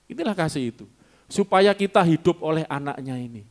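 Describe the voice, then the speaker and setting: A man preaching a sermon in a church, animated and emphatic, slipping in local words and short chuckles. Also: on the high side, brisk. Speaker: pastor. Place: church sanctuary.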